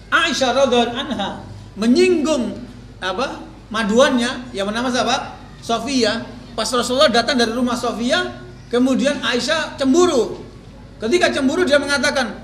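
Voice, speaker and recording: Male preacher with a strikingly high voice, lively and chuckling, quizzing his listeners, recorded in an echoey mosque hall. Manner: asks the audience rhetorical fill-in questions. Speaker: Islamic preacher. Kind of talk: mosque study lecture. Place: mosque hall with a women's study audience. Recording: echoey mosque hall, faint ambient noise.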